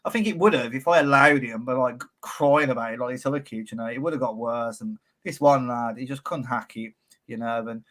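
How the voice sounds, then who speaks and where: A man's voice: mid-range voice, a little fast, a bit bright. A man with a Birmingham accent hosting a podcast interview, talking bluntly in laddish banter with plenty of swearing. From Birmingham, England. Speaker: podcast host. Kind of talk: casual interview chat.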